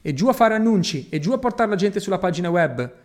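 Energetic Italian-speaking man coaching. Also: high voice, fast. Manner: energetic, emphatic, repeats key phrases. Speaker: digital business coach. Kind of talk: motivational talk to camera.

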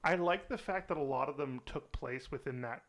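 A man's voice: mid-range voice, fairly quick, a bit bright. A man co-hosting a casual film podcast, chatty and laughing often as he quizzes his co-host.

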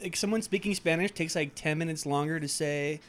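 A man's voice: a little high, brisk, a loud crowd. A young man co-hosting a casual podcast, rambling with lots of fillers. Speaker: podcast co-host. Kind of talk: casual chat.

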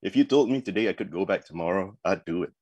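Deep-voiced man from Singapore, rambling. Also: fast talker, husky, no echo, highs cut off. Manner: relaxed and rambling, many fillers and restarts. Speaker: guest, advertising creative. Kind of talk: casual interview chat.

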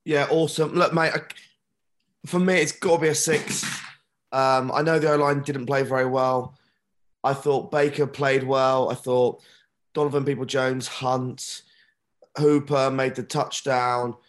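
A man with a hoarse, shouted-out voice hosting a casual sports podcast. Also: mid-range voice, little pitch movement, measured pace. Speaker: podcast host.

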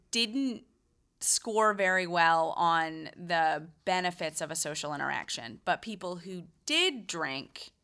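A woman's voice: lowish voice, pushed and bright, clean tone. A woman co-hosting a casual health podcast, explaining research findings in a conversational way, with frequent restarts. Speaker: podcast co-host.

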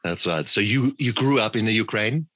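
A man's voice: fairly low pitch, animated, normal speed, fairly bright tone, no room sound. A man hosting a casual interview podcast, talking in loose sentences with frequent restarts. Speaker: podcast host.

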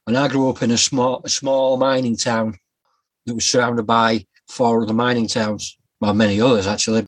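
A man's voice: mid-range voice, flat delivery, no room sound. Reflective man, dry sound. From Yorkshire, England. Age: 40s. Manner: reflective, halting with fillers and restarts. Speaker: guest author. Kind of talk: personal storytelling interview.

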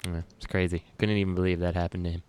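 A man co-hosting a podcast, deadpan and calm as he spins a mock story. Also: sits low, racing, clean tone, no echo. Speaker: podcast co-host. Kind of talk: casual banter.

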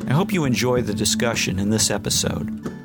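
A man reading a calm, scripted podcast introduction. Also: lowish voice, fairly quick. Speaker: podcast announcer. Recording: intro read over guitar music.

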